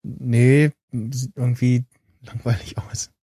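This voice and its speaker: A man of middle pitch chats on a podcast, easygoing and dry in his humor. His voice sits close and dry on the microphone with no room sound. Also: little pitch movement, takes it slowly, mellow, breathy edge, dry recording. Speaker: podcast co-host. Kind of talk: casual chat.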